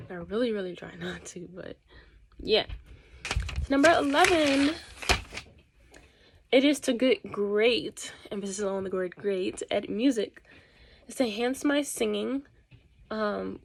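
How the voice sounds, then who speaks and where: A young woman YouTuber talking casually to her camera. She talks fast and sometimes stumbles over her words. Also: mid-range voice, vocal fry. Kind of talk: casual vlog talk to camera. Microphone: camera set across the room.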